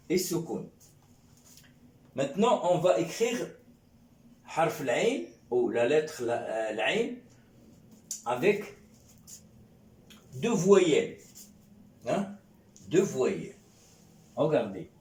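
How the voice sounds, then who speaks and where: Slow, echoey-voiced male teacher. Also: mid-range voice, a little mellow. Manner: slow, repetitive, checking in with "hein?" and "d'accord?". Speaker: Arabic teacher. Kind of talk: classroom lesson. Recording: echoey room.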